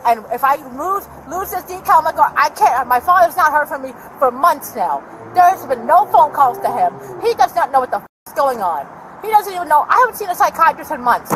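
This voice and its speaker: A woman living in her car argues with a deputy in a parking lot, agitated and rambling, shouting at times, recorded on a body camera. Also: high-pitched, big pitch swings, fairly quick, a crowd in the background. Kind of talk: heated street argument. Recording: noisy outdoor bodycam audio.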